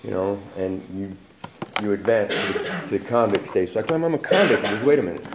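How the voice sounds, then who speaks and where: A man's voice: on the low side, fast talker. A man in his forties telling his life story in a casual, slangy way, often laughing as he talks. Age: 40s. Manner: street slang, laughs often while talking. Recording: echoey room with noise behind.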